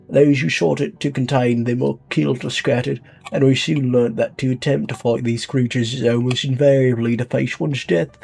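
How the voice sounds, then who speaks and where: A man voicing a grandiose male leader of an underground city, in a put-on British accent and a booming, rousing manner. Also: gravelly, darkish tone, breathy edge.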